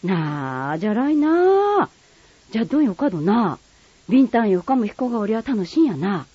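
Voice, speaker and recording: Brief: a woman doing a gossipy Kagoshima neighbor woman, broad dialect, high and lively, slightly husky. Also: normal speed, dry recording. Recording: slightly muffled dry recording.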